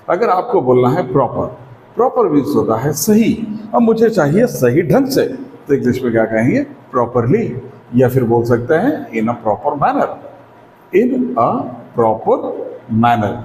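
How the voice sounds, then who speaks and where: A man with an Indian accent teaching a spoken English lesson, explaining step by step and often asking if it is clear. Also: mid-range voice, darkish tone, slight background noise. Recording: echoey room with long reverb.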